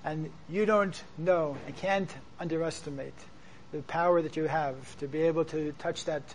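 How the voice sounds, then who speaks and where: The voice is a man's, pitched a little high. He speaks as a show host and rabbi, earnest and urging, in short phrases, with faint noise behind him. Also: fairly even intonation, normal speed, rough recording. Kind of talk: interviewing and addressing viewers.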